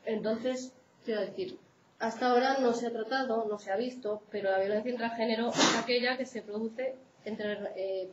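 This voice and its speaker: A woman's voice: on the high side, slight background noise. A woman psychologist from Spain giving an informal lecture in a conversational way, checking in with her audience. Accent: Spain Spanish. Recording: roomy, dull lecture recording.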